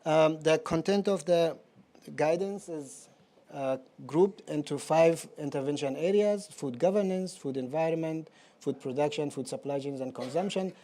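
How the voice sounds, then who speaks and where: Man presenting, mellow slightly raised voice, walks through a website step by step. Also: on the high side, moderate pace.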